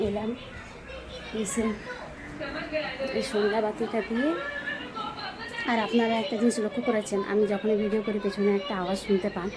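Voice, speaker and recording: A woman vlogging her evening routine at home in a soft, subdued voice, her throat troubled and the sound muffled. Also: medium pitch, noisy background. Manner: soft, subdued talk, speaking with lips half closed. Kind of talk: casual daily-routine narration. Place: home and open rooftop.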